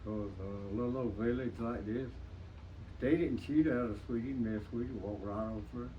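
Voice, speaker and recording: An elderly American man, a veteran remembering his service in an interview in a plain-spoken, halting, folksy way. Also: medium pitch, fairly even intonation. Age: 90s. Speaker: WWII veteran being interviewed. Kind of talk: interview reminiscence. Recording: dull lo-fi sound with faint noise, distant mic.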